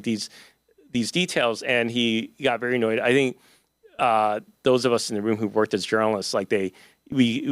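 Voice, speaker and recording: At a book talk in an event hall, a male author fields audience questions loosely and conversationally, with many fillers and restarts. His voice sits on the low side, and the recording has no room sound.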